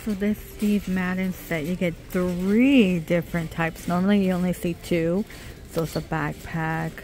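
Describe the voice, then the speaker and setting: A woman's voice: lowish voice, fairly even intonation, unhurried, darkish tone, slight background noise. A middle-aged woman narrating a casual shop-with-me vlog in a department store, reading out product names and prices as she browses. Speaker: shopping vlogger. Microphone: handheld phone camera.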